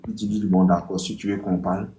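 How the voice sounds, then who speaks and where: Animated Ivorian man giving dating advice. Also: a little fast, a little hiss or hum. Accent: Ivorian French. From Ivory Coast. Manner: animated, acts out text exchanges in a higher voice; repetitive, addresses listeners directly. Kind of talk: casual live advice talk.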